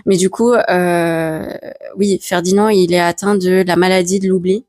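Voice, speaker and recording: A woman's voice: on the low side, fairly even intonation, unhurried, darkish tone, dry recording, clean studio sound. A young woman in casual podcast chat, hesitant and giggly, often stumbling over her words.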